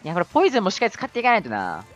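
A man giving live commentary over his own gameplay, excitable, yelling at tense moments and adding self-mocking asides. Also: high-pitched, rapid-fire, soft background music.

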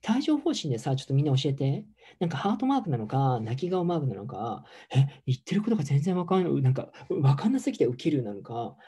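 A man's voice: mid-range voice, big pitch swings, fast, few pauses, warm tone, breathy edge. A middle-aged man, a yoga teacher, giving a campy, chatty, teasing livestream talk and reading viewer comments aloud.

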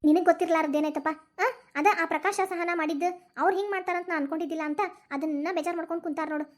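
A woman's voice: extremely high pitch, fairly even intonation, rapid-fire. A woman voicing a kind middle-aged woman who consoles her friend, in a Dharwad Kannada accent. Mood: consoling. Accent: North Karnataka Dharwad Kannada. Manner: soothing, coaxing. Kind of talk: cartoon voice acting.

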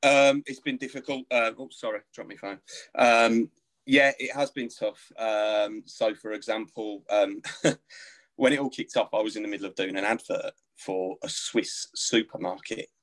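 Husky guy, guest actor on a podcast, chatty and laughing at himself. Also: on the low side, fairly even intonation, moderate pace, fairly bright tone. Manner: self-deprecating, laughing. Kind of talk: casual podcast chat.

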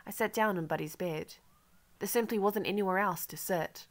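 A woman narrating a first-person literary audiobook in a measured, wry manner. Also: mid-range voice.

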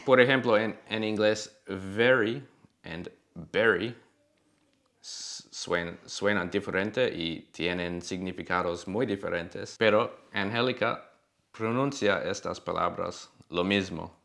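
Slow gravelly deep-voiced man. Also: a bit bright. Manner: patient, explanatory. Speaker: co-host correcting pronunciation. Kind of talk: casual chat.

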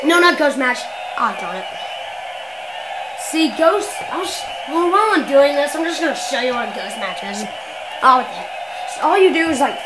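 A woman who makes gameplay videos talks through her play in a high-pitched, rambling, casual way, often stopping to rephrase mid-sentence. Loud game music sits in the background of a rough recording.

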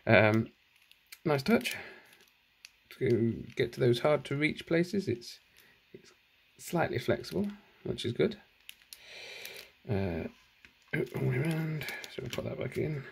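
A man's voice: medium pitch, animated, slow, creaky, long pauses, a little hiss or hum. A man casually talking through an unboxing at home, thinking aloud and correcting himself as he goes, filmed one-handed on a handheld camera. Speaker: channel host. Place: at home indoors. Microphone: handheld phone camera, filming one-handed.

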